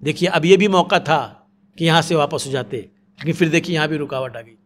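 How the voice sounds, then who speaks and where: A man giving a religious lecture as a preacher, telling history in an earnest storytelling manner that often sinks low and soft. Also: a little fast, a little hiss or hum. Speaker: Islamic preacher.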